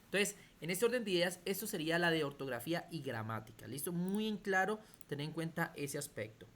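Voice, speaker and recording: A man's voice: fairly high pitch, expressive, a little fast, fairly bright tone. A man teaching a computer class over a video call, explaining step by step and often checking that students follow. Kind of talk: online class lecture.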